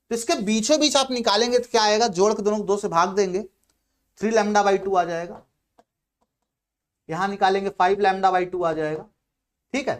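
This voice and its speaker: A male physics teacher giving a lecture, who asks questions, answers them himself and repeats the key terms. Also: sits high. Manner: repeats key terms and says "ठीक है" often. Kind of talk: blackboard lecture in Hindi.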